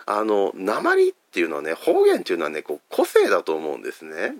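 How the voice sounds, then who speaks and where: A middle-aged man from Fukuoka with a Hakata accent, preaching a gentle, chatty sermon with many fillers. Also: low-pitched, wildly swooping pitch, quick pace, no echo. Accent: Hakata dialect. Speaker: pastor.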